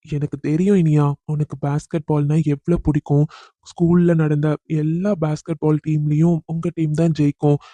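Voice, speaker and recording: A man voicing a caring young man in a cartoon who teases his cousin but comforts her gently. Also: fairly high pitch, normal speed, no room sound, lightly acted. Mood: consoling. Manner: teasing yet protective, talks gently to calm her. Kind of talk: cartoon voice acting.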